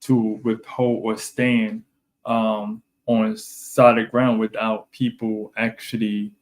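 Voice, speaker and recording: A man's voice: on the low side, flat delivery, takes it slowly. Man, podcast co-host, casual chat, rambling, repeats himself, lots of fillers.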